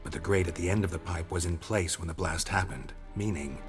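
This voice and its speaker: An actor voicing Geralt, a gruff middle-aged male monster hunter in a video game, speaking in terse, dry, clipped lines over game music. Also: deep voice, a little fast, close to an everyday voice.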